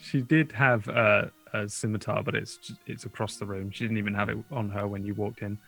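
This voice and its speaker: A game master narrates a tabletop game in a casual way. The voice is mid-pitched, with plenty of fry and a bright edge. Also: steady tone, fairly quick.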